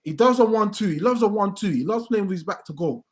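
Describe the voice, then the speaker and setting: A man, a football fan ranting in heated casual chat, swearing often and building to loud outbursts. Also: high-pitched, lively intonation, quick pace. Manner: swears a lot, rants with rising outbursts.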